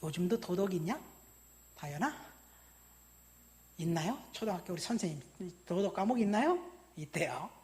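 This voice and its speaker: A woman in her fifties from Busan, a pastor preaching a sermon, stressing words loudly and then dropping to quiet asides while asking the congregation questions. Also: on the low side, animated, moderate pace, long pauses. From Busan, South Korea. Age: 50s. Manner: addresses the congregation directly with questions.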